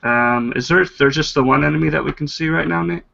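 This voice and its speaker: A man's voice: on the high side, brisk, vocal fry, pushed and bright, dull audio. A man playing a tabletop role-playing game, narrating his character's moves with frequent hesitations. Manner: hesitant, many uh's, vivid narration. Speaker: player. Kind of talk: casual tabletop play and narration.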